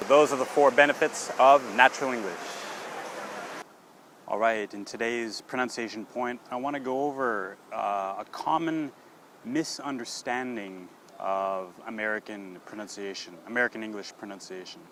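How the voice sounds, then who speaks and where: A man's voice: mid-range voice, moderate pace, fairly bright tone, a little hiss or hum, low-quality recording. A man hosting an English-learning podcast, explaining patiently and checking in often with "okay?". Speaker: English teacher.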